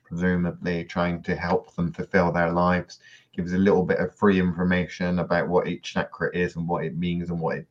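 A man co-hosting a podcast in casual discussion, dry and sardonic, often trailing off quietly at the ends of sentences. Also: sits low, highs cut off. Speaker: podcast co-host.

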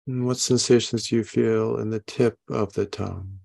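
A man leading a guided meditation, giving gentle, unhurried instructions and soft questions. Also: on the low side, fairly even intonation, gravelly. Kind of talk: guided meditation, body scan.

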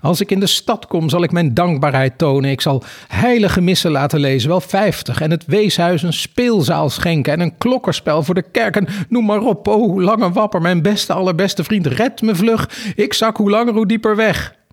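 Guy doing a whiny rich storybook teddy bear, high and begging, bit husky. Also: normal speed, few pauses. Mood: pleading. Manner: pleading, high and pious. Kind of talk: reading a children's book aloud.

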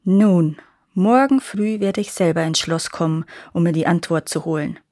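Woman doing a nasty old storybook witch, wheedly then threatening, louder than her reading voice. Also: fairly low pitch, moderate pace, no room sound, studio quality, voice pushed down, lightly acted. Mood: demanding. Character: hideous old witch, scheming and menacing.

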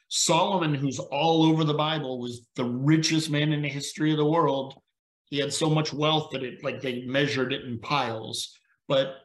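A middle-aged retired police officer, appearing as a podcast guest over a video call, tells stories in an earnest, somewhat preachy way during casual conversation. His voice is a little high and fairly bright, and the call carries a roomy echo.

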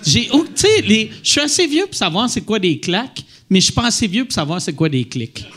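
A man's voice: sits high, big pitch swings, a little fast, a bit bright. A man with a Québécois accent, chatting and joking animatedly about his comedy shows. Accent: Québécois French. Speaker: comedian guest. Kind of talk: casual chat.

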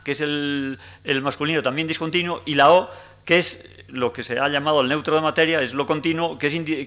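A man with a Spanish accent giving a measured academic lecture, explaining step by step with frequent fillers. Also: a little high, sharp tone. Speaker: lecturer on dialects.

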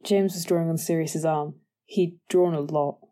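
A woman's voice: low voice, fairly even intonation, moderate pace, warm tone, lightly acted. A woman voicing a blunt, teasing young woman friend in a storybook reading.

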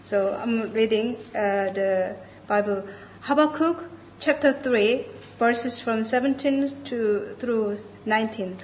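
A woman's voice: a little high, takes it slowly, rough recording. A woman from South Korea, a native Korean speaker with a Korean accent, reading scripture and explaining her choice. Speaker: Bible reader. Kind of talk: scripture reading and short personal remark. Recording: faint room noise.

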